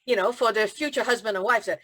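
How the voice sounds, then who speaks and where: A Hong Kong woman who works as a feng shui consultant joins a casual video-call interview as a guest. She tells stories full of animated quoted voices and laughs often, and her voice sits on the high side with a fast delivery.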